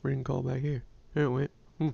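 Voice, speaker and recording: A man's voice: medium pitch, little pitch movement, fairly quick, gravelly, mellow, husky, highs cut off. A man, hosting a ham radio livestream in a casual, rambling, self-deprecating way. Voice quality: nasal. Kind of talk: casual chat.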